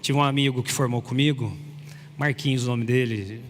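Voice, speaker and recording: Animated pastor preaching in a reverberant church. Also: male voice, medium pitch, moderate pace, slight background noise. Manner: animated, acts out imagined dialogue with God. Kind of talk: sermon. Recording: long reverb of a church hall.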